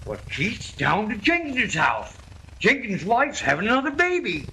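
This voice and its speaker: Feisty high-pitched old Western sidekick. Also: male voice, wildly swooping pitch, a little slow, sharp tone, heavily acted. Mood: urgent, excitable. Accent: rural American Western. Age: older. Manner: blustering, folksy, prone to sputtering exaggeration. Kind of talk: old Western film acting. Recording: noisy old film soundtrack.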